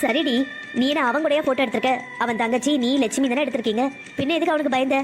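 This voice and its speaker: A woman's voice: sits high, fast, music in the background, close to an everyday voice. A woman voicing an earnest young wife in a family cartoon, pleading with her husband and firmly consoling a friend. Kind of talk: cartoon voice acting.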